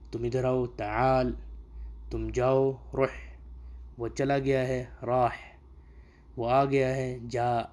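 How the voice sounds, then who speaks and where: A man of middle pitch gives a relaxed, chatty lesson. He says each short phrase slowly and goes over it again and again for the learner. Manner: repeats phrases slowly and drills pronunciation. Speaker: Arabic teacher. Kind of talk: casual spoken language lesson.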